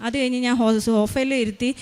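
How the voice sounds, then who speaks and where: Fast-talking woman giving a testimony. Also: a little high, steady tone, clear, resonant tone. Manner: rapid, earnest retelling with many hesitations. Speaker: mother giving a faith testimony. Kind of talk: spoken testimony.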